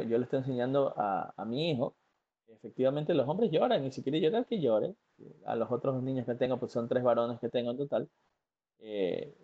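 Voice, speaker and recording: A man's voice: mid-range voice, dark tone, highs cut off. A man, giving a motivational talk as a life coach and speaking earnestly and directly to the listener, with frequent fillers and restarts. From Ecuador.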